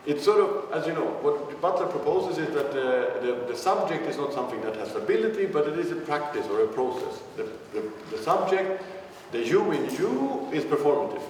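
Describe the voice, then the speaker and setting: Man, live lecture, irreverent, restarts often, long hall reverb, faint background noise. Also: on the high side. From Sweden. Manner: casual and irreverent, thinking aloud with restarts. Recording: echoey hall, speaker far from the mic, faint noise.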